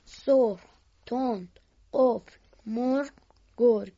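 A pupil in a reading class, reading single words aloud slowly, one at a time. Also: mid-range voice, mellow, lo-fi sound.

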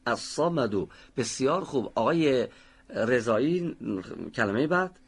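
A man teaching Quran recitation, explaining how to pronounce a letter and slowly sounding out example words. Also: mid-range voice, animated, breathy edge. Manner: slow, deliberate pronunciation of example words. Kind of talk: instructional lesson. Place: recording studio.

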